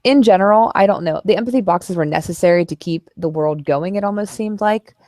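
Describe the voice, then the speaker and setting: A woman's voice: fairly low pitch, brisk, dark tone, dry recording. A woman co-hosting a casual book club discussion, frank and opinionated about what she read.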